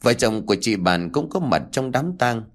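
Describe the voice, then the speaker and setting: A man tells a ghost story with a dramatic, expressive delivery. His pitch moves in lively swings across each sentence. He sits at a mid pitch for a man. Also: normal speed. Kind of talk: scripted horror story narration.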